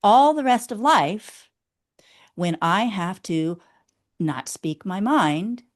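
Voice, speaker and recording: A woman explaining her ideas as a guest in an interview. She talks like a teacher, walks through each step and keeps checking in with a quick "okay?". Her pitch sits in the middle range. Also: lively intonation. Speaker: guest, inner critic specialist.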